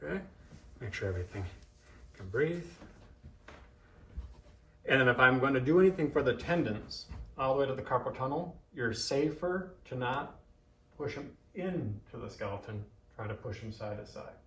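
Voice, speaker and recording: A man's voice: mid-range voice, expressive, normal speed, pauses often, fairly bright tone. A man giving an informal hands-on demonstration as an instructor, thinking aloud and coaching in short cues. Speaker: massage therapist and instructor. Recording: echoey room, distant microphone.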